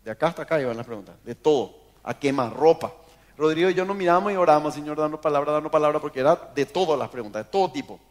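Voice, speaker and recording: A man with an Argentine accent preaching a sermon in church, telling stories in a lively way and acting out the people in them. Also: a little high, fast. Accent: Argentine Spanish. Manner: animated storytelling, acts out quoted voices. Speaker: pastor. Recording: long hall reverb.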